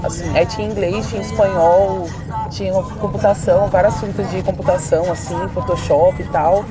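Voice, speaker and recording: A woman's voice: mid-range voice, steady tone, moderate pace, music in the background. A young woman with a São Paulo Brazilian accent, talking casually with slang and lots of fillers. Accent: Brazilian Portuguese, São Paulo. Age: young adult. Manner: slangy, hesitant, many fillers. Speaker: interviewee. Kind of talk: casual chat.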